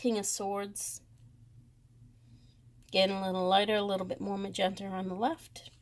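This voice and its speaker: A woman with a Boston accent, talking slowly through a tarot deck comparison with many pauses and fond praise. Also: medium pitch, flat delivery, a little hiss or hum. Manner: slow, hesitant, lots of ums, gushing. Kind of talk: casual deck walkthrough.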